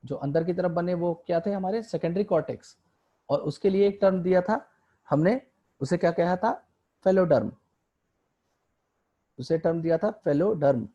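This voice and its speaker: A man whose voice sits high and dark teaches a biology lesson online, explaining a diagram at a moderate pace with frequent pauses. He poses questions to his students and answers them himself, mixing English terms into his Hindi. The audio is dull.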